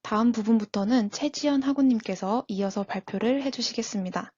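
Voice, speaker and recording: A woman's voice: fairly high pitch, warm tone, breathy edge, no echo, muffled recording. Young woman reading a class presentation. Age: young adult. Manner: measured, reads from a prepared script. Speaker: university student presenter.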